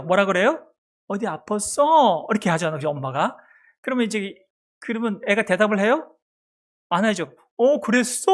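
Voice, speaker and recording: A man preaching a sermon as pastor of a church, asking the congregation questions and answering them himself. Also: sits high. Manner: acts out a mother's soft baby talk. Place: church sanctuary.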